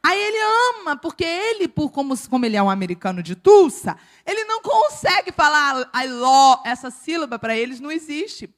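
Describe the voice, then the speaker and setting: Animated woman preaching a lively sermon. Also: high-pitched, a little fast, hardly any pauses. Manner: animated, playful, acts out quotes and accents.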